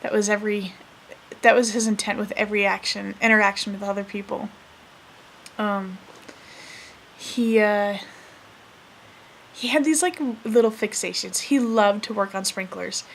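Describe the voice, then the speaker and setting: A woman in her twenties telling family stories to camera in a soft, hesitant way, full of fillers and self-corrections. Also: mid-range voice, fairly even intonation, moderate pace, vocal fry, pauses often, a little hiss or hum. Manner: laughs while recalling funny moments. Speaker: vlogger. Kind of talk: casual storytelling to camera.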